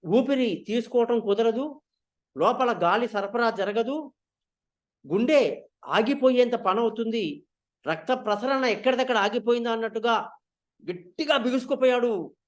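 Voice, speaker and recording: A man retelling an epic story in an animated way, acting out the dialogue. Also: very high voice, measured pace, long pauses.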